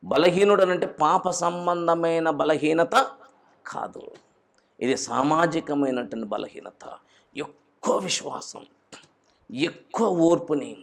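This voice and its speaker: Impassioned high-pitched male preacher, gravelly. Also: slow, pauses often. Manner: impassioned, swings from loud exhortation to low intensity. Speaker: pastor. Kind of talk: sermon.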